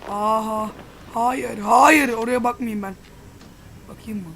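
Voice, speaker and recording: A man's voice: extremely high pitch, steady tone, slow pace, gravelly, sharp tone, slight background noise. A man playing a horror game and commenting casually, jumpy and panicky, swearing a lot and yelping when he gets scared. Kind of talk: casual let's-play commentary.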